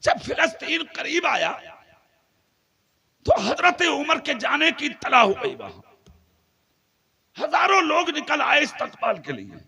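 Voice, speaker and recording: A male preacher with a very high, gravelly voice delivers a fervent sermon. His tone is bright and cutting, and he rises to shouts on key lines. He also trades jokes with the listeners around him. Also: big pitch swings, unhurried, pauses often. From Moradabad, India. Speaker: Islamic preacher. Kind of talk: religious sermon at a night gathering.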